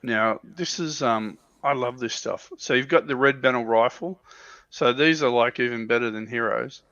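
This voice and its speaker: A man with a mid-range, slightly bright voice speaks at normal speed on a dry recording with somewhat dull audio. Co-hosting a livestream, he casually explains tabletop game units as an informal, somewhat hesitant enthusiast.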